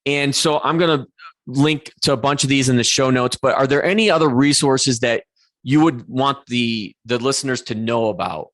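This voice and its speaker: Speaking at a normal pace in a mid-range, slightly bright voice, this man in his forties interviews a guest on his podcast, earnest throughout and constantly rephrasing as he goes.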